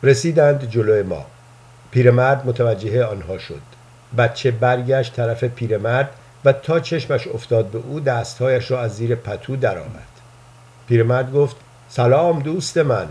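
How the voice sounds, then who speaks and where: Calm male storyteller. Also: medium pitch. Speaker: narrator. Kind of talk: first-person story narration.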